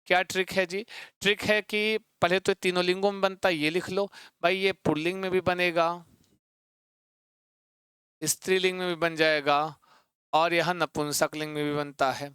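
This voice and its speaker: A man teaching an exam-prep lesson, repeating points, quizzing his students with rhetorical questions and chanting word forms slowly. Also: sits high, flat delivery, a bit bright, smooth, dry recording.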